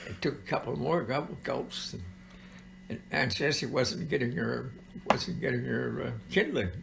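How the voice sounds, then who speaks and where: An elderly man with a gravelly grandpa voice, telling childhood stories informally in a halting, rambling way with frequent pauses. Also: medium pitch, background noise. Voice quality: gravelly, creaky. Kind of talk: informal oral storytelling.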